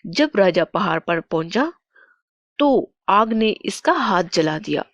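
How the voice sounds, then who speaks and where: A woman narrating a bedtime cartoon story in a slow, deliberate way. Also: medium pitch, big pitch swings, no echo.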